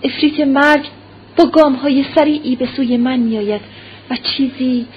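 A woman's voice: high voice, natural voice. A woman reading aloud and voicing a dying young noblewoman who pleads urgently and breathlessly, on a muffled lo-fi recording with faint hiss. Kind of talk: audiobook character reading.

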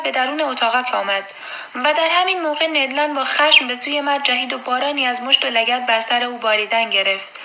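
Woman audiobook narrator; high, bright, even storytelling, lo-fi sound. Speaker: audiobook reader. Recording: dull lo-fi recording.

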